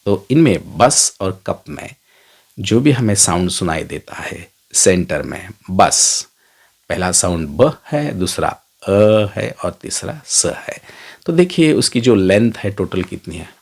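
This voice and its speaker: A middle-aged man teaching a phonetics lesson, drawing out each vowel sound slowly as he models it. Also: low-pitched, big pitch swings, vocal fry, darkish tone. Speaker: English teacher.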